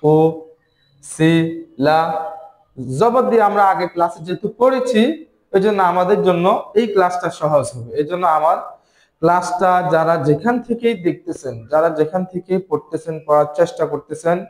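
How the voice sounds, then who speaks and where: A man with a fairly high voice gives a Quran reading lesson, sounding each syllable slowly and repeating it for his learners. His voice rings through an echoey room. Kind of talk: spelling out letters and syllables slowly in a recorded lesson.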